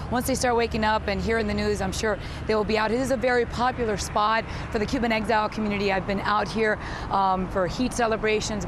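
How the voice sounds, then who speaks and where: A woman from South Florida giving an earnest, emphatic live news report from the street. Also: a little high. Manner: earnest, emphatic, some restarts. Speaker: field reporter. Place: outdoors on a city street. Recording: street noise behind.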